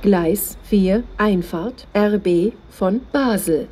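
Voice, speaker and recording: A woman reading flat, scripted railway platform announcements in measured, separate phrases as a station announcer. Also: mid-range voice, soft background music.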